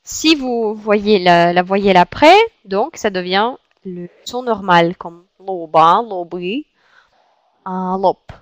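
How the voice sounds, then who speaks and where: A woman with a Russian accent gives a language lesson, repeating words and pausing with hesitant fillers as she explains. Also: mid-range voice, no echo. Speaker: Russian teacher.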